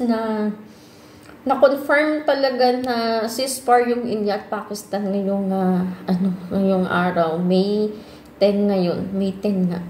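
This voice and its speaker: A woman's voice: on the high side, a little mellow, slight background noise. Chatty Filipino woman vlogging in an echoey room. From Philippines. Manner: chatty, calls out to viewers often, mixes in English. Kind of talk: casual chat to camera. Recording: echoey room with faint ambience.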